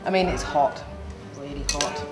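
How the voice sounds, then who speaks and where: A woman's voice: sits low, moderate pace. A woman in her thirties casually explaining food to camera as a cook. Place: small indoor pub kitchen. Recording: echoey room, loud music behind.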